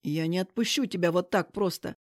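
A woman's voice: fairly low pitch, brisk, dry recording, clean studio sound, voice pushed down. A woman doing a smug, teasing young man. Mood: pleading.

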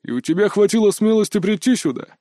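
A surly armed guard growls out blunt threats in rough street slang, as an audiobook reader puts him on. The delivery is hard and dismissive, recorded close and dry. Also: male voice, high-pitched, animated, quick pace, warm tone, no echo, pitched above the performer's own voice. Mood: menacing. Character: hostile tough male armed guard, gruff. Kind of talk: audiobook character voice.

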